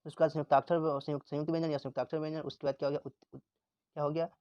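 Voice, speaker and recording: Male teacher, slightly high voice, quizzes the class and answers himself. Dry, dull recording. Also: level tone, rapid-fire, mellow, no echo. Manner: repeats words and asks questions to the class, then answers them. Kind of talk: classroom lesson.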